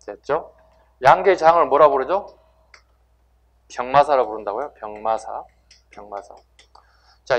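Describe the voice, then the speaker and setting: A man's voice: fairly high pitch, highs cut off. A man teaching history to exam students in a classroom lecture, asking rhetorical questions and answering them himself with emphasis.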